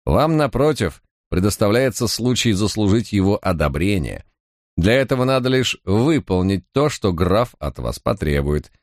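A man's voice: fairly low pitch, big pitch swings, normal speed, no room sound, studio quality. A man doing a curt, sneering henchman. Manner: contemptuous, curt. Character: brusque sneering male henchman, middle-aged. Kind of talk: audiobook character voice.

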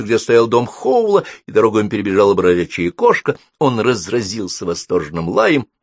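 A man narrating a storybook as an audiobook, with expressive storytelling. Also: on the low side, no room sound, clean studio sound.

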